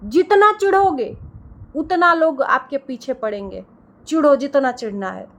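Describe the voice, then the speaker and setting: Indignant woman vlogger with a high voice, scolds hard and hammers her points by repeating them. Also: animated, measured pace. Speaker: reaction video creator. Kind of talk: heated reaction rant.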